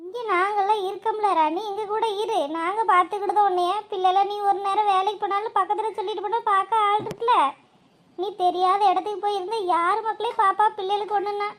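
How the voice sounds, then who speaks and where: A woman plays a gentle older village mother in a cartoon. She speaks, very high-pitched and fast. Her manner is pleading and soothing. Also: steady tone. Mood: consoling. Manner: soothing, pleading, repeats endearments. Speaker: cartoon character.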